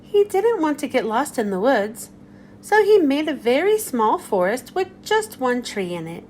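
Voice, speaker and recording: Woman storyteller for kids; high, animated voice, unhurried read-aloud. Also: slight background noise. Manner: slow, gentle storytelling, lively rise and fall. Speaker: children's book reader. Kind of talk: reading a picture book aloud.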